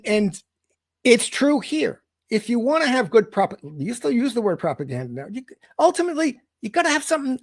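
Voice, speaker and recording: A man's voice: high voice, dry recording. Thoughtful man in a dry room. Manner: thoughtful, restarts often, agrees readily. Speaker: writer and commentator. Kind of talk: conversational political discussion.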